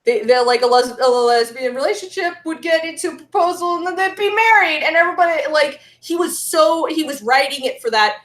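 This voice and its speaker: A woman's voice: high-pitched, a little fast, few pauses, fairly bright tone. A woman who is a guest on a podcast, chatting casually and ranting at length. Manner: ranting, talkative. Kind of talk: casual chat. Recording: roomy echo.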